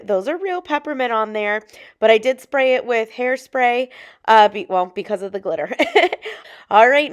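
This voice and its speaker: A woman's voice: a little high, smooth. A young woman chatting casually to viewers in an upbeat, friendly way as she decorates her kitchen at home. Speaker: lifestyle vlogger.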